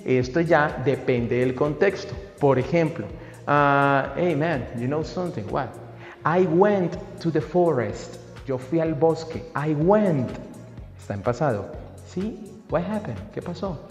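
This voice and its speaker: Animated man teaching grammar in echoey room. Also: a little high. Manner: animated, repeats checks with students. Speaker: English teacher. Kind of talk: classroom grammar explanation. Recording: echoey room with long reverb.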